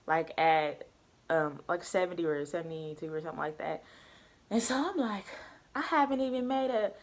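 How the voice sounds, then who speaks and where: Young woman, casual storytelling vlogger, lively, slangy, acts out the people she quotes. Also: on the low side.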